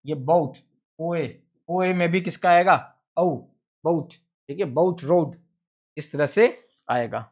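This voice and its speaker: A man's voice: fairly high pitch, slow pace, pauses often, dull audio. A male teacher, giving a classroom lecture, who repeats words and keeps asking the class questions. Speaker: English teacher.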